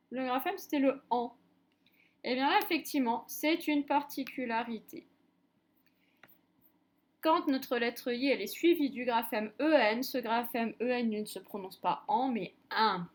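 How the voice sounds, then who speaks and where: Slow, high-voiced French schoolteacher. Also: female voice. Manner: slow, clearly articulated, drawing out sounds. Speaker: primary school teacher. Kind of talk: reading lesson for young children.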